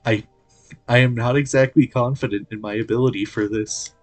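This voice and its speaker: A man's voice: medium pitch, steady tone, normal speed, soft background music. A young man chatting casually while livestreaming a video game, self-deprecating and talkative. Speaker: streamer. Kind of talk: gameplay livestream commentary.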